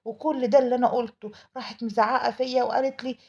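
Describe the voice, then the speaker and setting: A woman's voice: a little high, fairly even intonation, quick pace, darkish tone, dull audio. A woman with an Egyptian Arabic accent telling a dramatic first-person story, in an emotional, pleading manner. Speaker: storyteller narrating a mother's tale.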